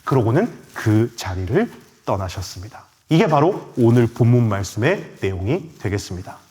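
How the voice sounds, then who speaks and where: A man's voice: very animated, normal speed, darkish tone. A male pastor preaching a sermon in a church, asking the congregation questions and answering them himself. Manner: acts out quoted voices with big pitch swings. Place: church sanctuary.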